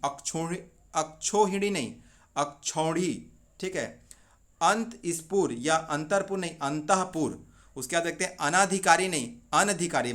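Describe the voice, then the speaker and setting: Bright-voiced male teacher drilling spellings. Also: on the high side. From India. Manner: brisk word-by-word drilling. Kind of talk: exam-prep spelling lesson.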